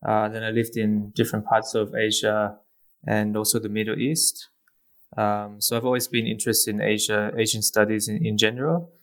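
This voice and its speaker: Australian male lecturer, 30s, low monotone, hesitant guest-interview delivery. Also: moderate pace. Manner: hesitant, many ums and uhs. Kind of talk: academic interview answers.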